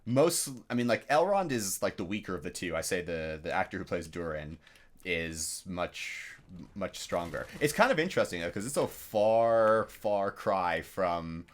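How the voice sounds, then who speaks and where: A man's voice: low-pitched, lively intonation, measured pace. A man chatting casually while gaming, rambling and hesitant with lots of fillers and slang.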